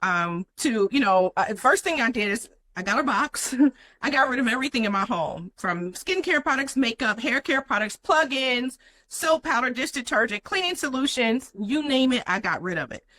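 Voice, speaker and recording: A woman's voice: fairly high pitch, lively intonation, normal speed, bright, forceful tone, low-quality recording. A young adult woman, a guest in an interview, telling her personal story in an earnest way with many "you know" fillers.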